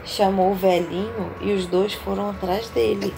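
A woman's voice: medium pitch, steady tone, moderate pace, vocal fry, background noise. A mother reading a children's story aloud to her kids, playful and full of praise.

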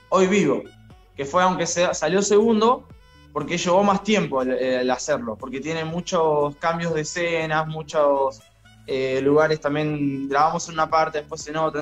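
A young man speaks in a voice a little higher than most men's. He sounds shy but friendly and earnest as he chats casually about his music. Soft music plays faintly behind him. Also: moderate pace, muffled recording. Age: young adult. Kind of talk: casual interview chat.

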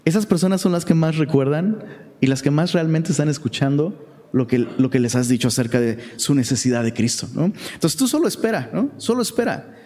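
A man's voice: on the high side, expressive, fairly quick, mellow, long reverb tail. A man with a Mexican accent teaching a Bible study in a chatty, conversational way, often checking in with rhetorical questions.

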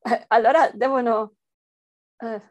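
A woman's voice: a little high, steady tone, measured pace, dry recording. A woman researcher with a foreign accent, answering interview questions hesitantly as she searches for words in a language that is not her first. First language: not Italian, speaks it as a foreign language.

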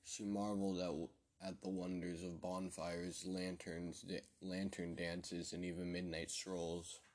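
A man narrating a spoken horror story in a measured way, often restarting words. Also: deep voice, flat delivery, a little mellow.

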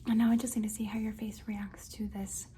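A woman doing an ASMR whispered role-play as a face examiner, with fast, repetitive, insistent patter in a breathy, mostly unvoiced whisper close to the mic. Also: a little high, flat delivery, slight background noise.

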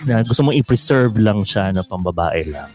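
A man's voice: fairly low pitch, animated, normal speed, over music. A male host in a casual interview, chatty and laughing often as he reads out viewer questions.

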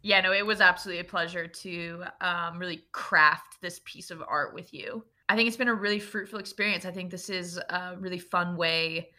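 A woman co-hosting a comedy podcast with a crisp, bright voice. Her delivery is casual and playful, full of deadpan jokes, and her pitch sits slightly low. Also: normal speed, few pauses. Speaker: podcast co-host.

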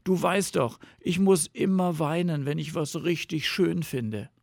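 A man's voice: a little high, measured pace, gravelly, a little mellow, dry recording, studio quality, pitched above the performer's own voice. A man voicing a sleepy, good-natured big male bear in a storybook reading, drowsy and easygoing. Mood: earnest.

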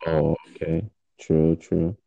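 A man's voice: very deep voice, fairly even intonation, takes it slowly, gravelly, warm tone, no room sound, lo-fi sound. A man hosting a casual chat with strangers, laid-back and teasing. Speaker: host chatting with strangers.

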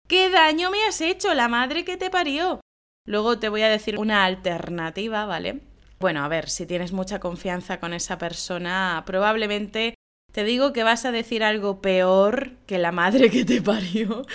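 A woman hosting a casual podcast lesson, laughing often and acting out example phrases. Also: medium pitch. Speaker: Spanish teacher, podcast host.

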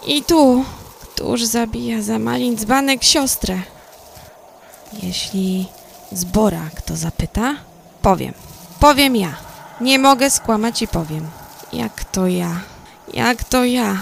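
A woman playing a guilt-stricken, defiant young murderess in halting, hushed verse recitation. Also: fairly high pitch, creaky, slight background noise. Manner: broken, halting phrases, dropping to hushed tones.

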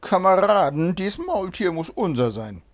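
A reader voicing a scheming male rogue who plots to steal a mule, with a raised, drawn-out delivery and a breathy voice. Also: medium pitch, sing-song, a little mellow, pitched above the performer's own voice, heavily acted. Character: scheming male rogue, sly and fast-plotting.

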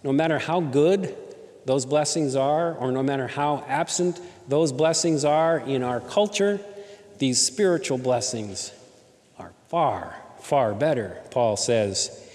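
A man's voice: mid-range voice, expressive, measured pace, a little mellow. Male pastor preaching in a reverberant church. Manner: conversational preaching with rhetorical questions. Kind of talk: sermon. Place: church in Southern California.

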